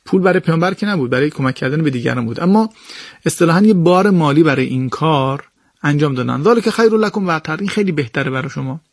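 Gravelly-voiced man explaining scripture. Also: no echo, studio quality. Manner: animated, swinging pitch and pace; addresses listeners directly and politely. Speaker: religious speaker explaining Quran verses. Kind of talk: explanatory religious talk.

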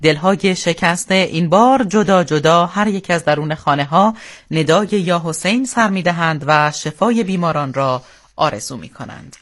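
An Iranian man delivers a radio bulletin as a solemn, formal newsreader. His voice sits a little high for a man. The reading is scripted and measured in tone, as heard from a studio. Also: fairly bright tone.

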